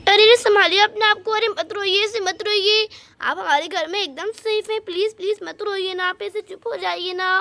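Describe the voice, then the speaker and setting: A woman's voice: very high voice, fairly even intonation, normal speed, sharp tone, full character voice. A woman voicing Radha, a kind caring village mother in a doll story, fussing and comforting. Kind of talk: doll story role-play.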